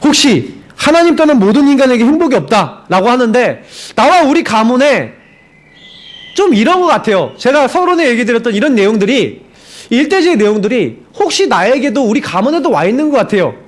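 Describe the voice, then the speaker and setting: A middle-aged man, a pastor, preaching a sermon and telling a personal story, moving between loud outbursts and hushed prayerful lines. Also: very high voice, sing-song, a little fast. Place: church sanctuary.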